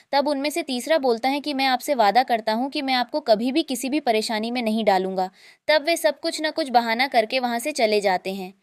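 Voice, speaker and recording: A woman with a slightly high voice tells a drama's story as a recap, in a steady scripted narration. She reports what each character says without acting any of them. The sound is close and dry, with no room around it. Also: clean tone, dry recording.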